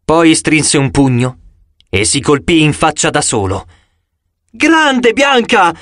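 This is scripted audiobook narration by a man whose voice sits a little high and whose pace is unhurried, with no room sound and a dry, close quality. He reads dramatically and expressively, breaking out now and then into sudden loud cries.

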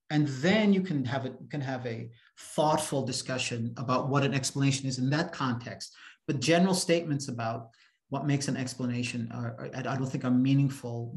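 With a medium-pitched, somewhat dark voice, a seminar speaker answers a question during an academic Q&A over video call. He is emphatic and tends to repeat words when starting sentences, and the recording has an echoey room sound.

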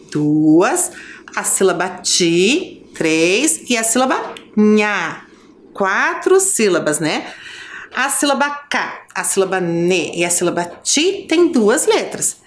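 Brazilian lady teacher talking to little kids, bouncy up-and-down voice, slow counting, bit of noise behind. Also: mid-range voice. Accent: Brazilian Portuguese. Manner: slow, sing-song counting and spelling for young pupils. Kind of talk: children's lesson on a school TV channel.

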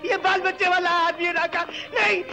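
A simple, kind-hearted young man speaks earnestly and with feeling. His voice sits very high and rings bright, a 1960s film drama performance. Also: flat delivery, normal speed, gravelly, faint music behind, heavily acted, rough recording. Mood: frantic.

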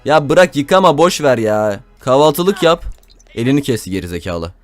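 A man's voice: mid-range voice, very animated, moderate pace, faint music behind. A young man giving casual, crude, joking commentary while playing a game, talking to viewers and to the characters. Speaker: gameplay commentator.

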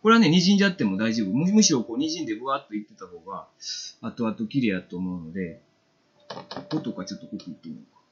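A man's voice: lowish voice, sing-song, rapid-fire, fairly bright tone, husky, dull audio. A man with a Kansai accent giving a casual, chatty watercolor painting demo on a live stream, reading viewer comments aloud.

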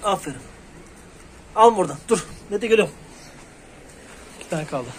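High-voiced man coaxing cats. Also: lively intonation, moderate pace, a little hiss or hum. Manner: coaxing and scolding animals, repeating words, calling pss. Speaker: hobby vlogger. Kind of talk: casual vlog while handling cats.

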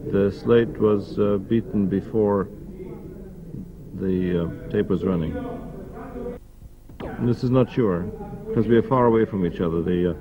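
A man's voice: fairly low pitch, slow, long pauses, crowd noise. A man working as sound recordist on a film set, logging take numbers in plain spoken notes with some hesitation. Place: film studio. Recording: noisy 1970s on-set tape.

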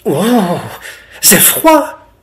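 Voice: mid-range voice, sing-song, drawn-out words, pitched above the performer's own voice. A reader voicing a slightly envious little boy pig in a storybook, blurting things out eagerly.

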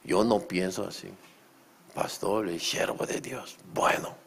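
Slow, low-voiced pastor preaching. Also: male voice, fairly even intonation, vocal fry, slight background noise. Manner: acts out shouting quotes, asks the congregation questions. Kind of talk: sermon.

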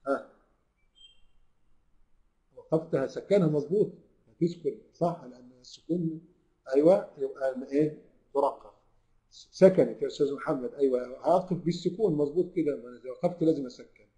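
With a mellow, fairly high voice and an Egyptian accent, a man teaches tajweed to online students. He asks them questions, gives the answers himself, and draws the verses out slowly. The audio quality is poor.

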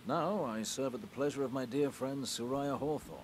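A man's voice: medium pitch, moderate pace, slight background noise, lightly acted, poor audio. An actor playing a genteel, formal nobleman in a video game, speaking with dry wit. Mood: wry, courtly. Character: genteel formal aristocratic man in a war-torn world. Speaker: game character.

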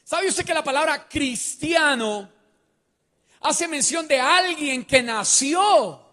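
Speaking into a handheld mic on a large church stage, a man preaches a sermon, emphatic and repeatedly questioning the congregation. His voice is very high, expressive, slow, pushed and bright, and the church hall is reverberant.

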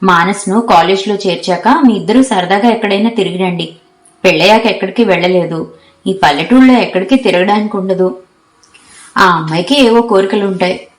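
A woman's voice: medium pitch, a little fast, echoey room, lightly acted. A woman voicing a kindly, good-humored older village father giving money to his son. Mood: fatherly.

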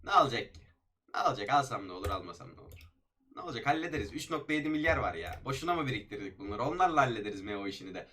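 Fast hyped-up young gamer man. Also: medium pitch. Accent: Turkish.

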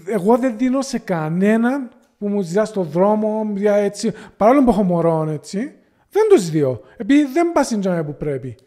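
A man's voice: high voice, expressive, warm tone. A man with a Cypriot Greek accent, speaking as a podcast guest in an earnest, impassioned way. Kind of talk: casual podcast conversation.

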